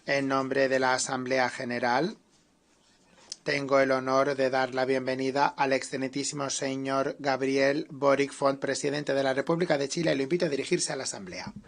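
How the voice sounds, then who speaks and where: A man's voice: mid-range voice, flat delivery, normal speed, vocal fry. A man presiding over an assembly, reading ceremonial announcements and introductions in a formal manner. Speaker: assembly president chairing the session. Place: large assembly hall.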